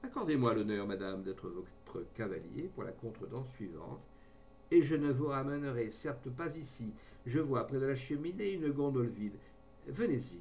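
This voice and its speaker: A man's voice: medium pitch, very animated, moderate pace, darkish tone, a little hiss or hum. A man reading aloud voices a gallant, blunt cavalry colonel, unsure with ladies and bluff with friends. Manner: hesitant with women, bluff with friends.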